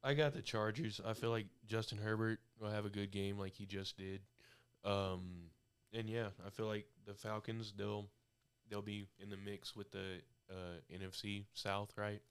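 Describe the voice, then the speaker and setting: A young man co-hosting a casual sports podcast, speaking haltingly with many fillers. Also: fairly low pitch, fairly even intonation, smooth. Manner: hesitant, halting, lots of fillers. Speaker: podcast co-host.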